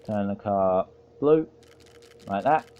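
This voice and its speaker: Low-voiced man rambling over gameplay. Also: animated, slow pace, smooth, lo-fi sound. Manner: rambling, self-mocking and dry. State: feeling overheated. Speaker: let's play host. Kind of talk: casual gameplay commentary.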